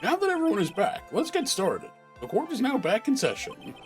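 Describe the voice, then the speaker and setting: A man voicing an impatient older male judge who scolds in a high, exasperated way. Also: huge pitch swings, a little fast, over music, heavily acted. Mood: formal.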